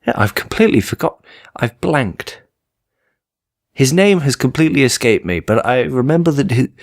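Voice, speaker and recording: Wry, animated male gaming host. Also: on the low side. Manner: self-deprecating, wry. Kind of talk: casual playthrough commentary.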